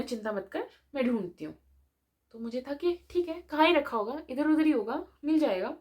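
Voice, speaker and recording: A young woman telling a storytime vlog in casual chat, mixing Hindi and English. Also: on the high side. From India. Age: young adult. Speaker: vlogger, medical student.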